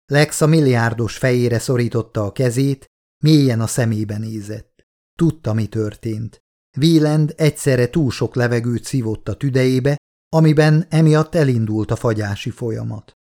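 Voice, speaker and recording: Male audiobook narrator, measured and dramatic. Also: medium pitch, dark tone. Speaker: audiobook reader. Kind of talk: scripted narration.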